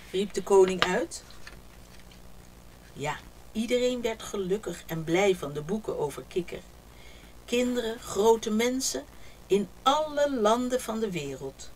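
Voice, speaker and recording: A woman reading a children's picture book aloud, telling the story warmly and expressively. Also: mid-range voice, slight background noise, rough recording.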